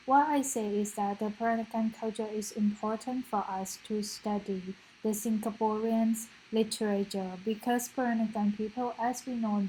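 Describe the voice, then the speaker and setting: A woman's voice: mid-range voice, warm tone, rough recording. A woman lecturer giving informal commentary as she hosts student presentations. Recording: faint background noise.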